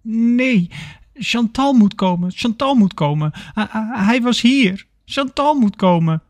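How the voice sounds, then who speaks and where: A man's voice: extremely high pitch, very animated, very slow, a little mellow, no room sound, pitched above the performer's own voice, full character voice. A man voicing a panicked male patient who stammers and slips into a manic, childlike singsong.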